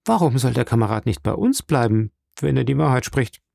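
A man's voice: medium pitch, big pitch swings, a little fast, vocal fry, a little mellow, no echo, studio quality, full character voice. A man reading an audiobook, voicing a simple, good-hearted bearded sailor with a hearty, blunt manner. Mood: pleading.

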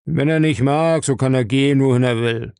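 A man reading aloud and voicing a crude, mean self-made boss who speaks in a rough, coarse, dismissive way. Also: mid-range voice, moderate pace, a little mellow, no echo, clean studio sound, lightly acted. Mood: contemptuous. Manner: gruff and dismissive.

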